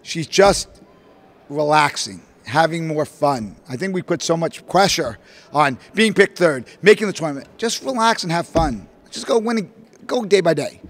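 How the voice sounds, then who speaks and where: A middle-aged male basketball coach answering questions at a postgame press conference, talking in animated, rambling bursts full of fillers into a podium microphone. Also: on the high side, normal speed. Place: press room, standing at a podium before a logo backdrop.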